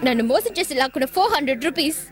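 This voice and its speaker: A woman's voice: high voice, expressive, very fast. An actress playing a stubborn, proud young woman who defies her father. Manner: defiant, haughty.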